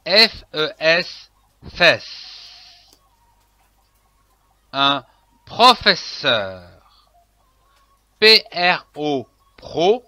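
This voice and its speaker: A man's voice: fairly high pitch, big pitch swings, very slow, pauses often, pushed and bright, no echo. A man teaching a phonics lesson to young children, spelling out letters and blending them into syllables and words. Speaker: reading teacher.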